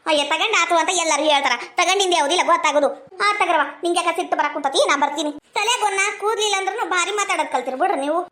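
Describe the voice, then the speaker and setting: A woman speaks in a very high, quick voice with a North Karnataka Kannada accent. She boasts and bickers as she plays village women in a comedy sketch, firing words off briskly. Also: bright, forceful tone. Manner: bragging, quarrelsome, playing several village women.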